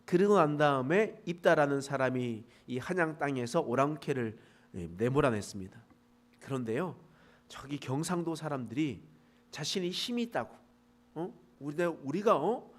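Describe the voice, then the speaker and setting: A man from the Gyeongsang region preaching a morning prayer sermon as pastor, telling the story with animated swings and then slowing into earnest prayer. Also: a little high. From Gyeongsang region, Korea. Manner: animated storytelling, retells scenes with lively vocal swings; slows and softens into earnest exhortation and prayer.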